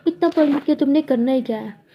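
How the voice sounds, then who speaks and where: A woman's voice: high voice, a little fast, highs cut off, a little hiss or hum. A woman voicing a spoiled, bossy college girl who gives orders in a mocking, commanding tone.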